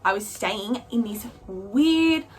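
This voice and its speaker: A woman's voice: lively intonation, slow pace. Chatty young woman, candid storytelling. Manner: chatty and candid, voice jumping up high for emphasis. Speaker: vlogger. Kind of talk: casual storytelling to camera.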